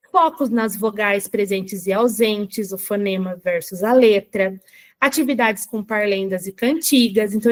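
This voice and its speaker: A woman running a live online workshop for teachers, chatty and checking in with her viewers, reading screen text aloud slowly, with a Brazilian Portuguese accent. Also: on the high side. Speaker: teacher trainer.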